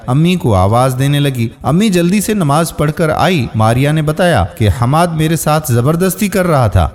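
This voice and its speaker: A man narrating an emotional story in a steady, earnest way. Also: mid-range voice. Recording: long reverb.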